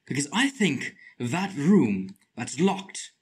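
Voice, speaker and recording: Excitable husky man with a lisp. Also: fairly high pitch, takes it slowly. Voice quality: slight lisp. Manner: excitable, shrieks and mutters to himself. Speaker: gaming channel host. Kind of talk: let's play commentary.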